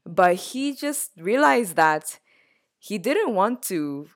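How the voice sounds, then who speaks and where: A woman's voice: medium pitch, big pitch swings, slow pace. A woman interviewing a guest, speaking thoughtfully and earnestly, with occasional small restarts. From United States. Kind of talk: reflective conversational interview.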